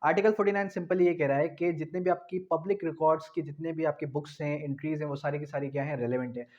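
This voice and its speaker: Talking fast in a fairly high, steady, slightly mellow voice, a man with a Pakistani accent reads and explains legal articles in a law lecture. He teaches didactically, repeating key phrases for emphasis, and the audio comes across dull and lo-fi.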